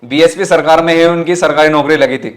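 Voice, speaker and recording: A man with a western Uttar Pradesh accent speaks a little fast, his voice slightly high and his intonation fairly even. He answers interview questions as a party activist, earnest and emphatic, often repeating phrases in a run of political rhetoric.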